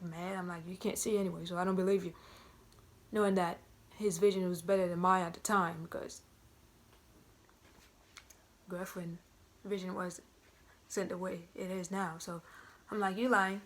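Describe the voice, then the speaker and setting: A young woman in casual story-time talk, retelling events in a chatty, animated way and acting out quoted dialogue, with features. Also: on the low side. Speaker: vlogger.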